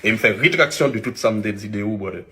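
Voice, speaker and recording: A man with a Haitian accent, an influencer giving a halting public video apology with many restarts. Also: fairly low pitch, bright, forceful tone, a little hiss or hum.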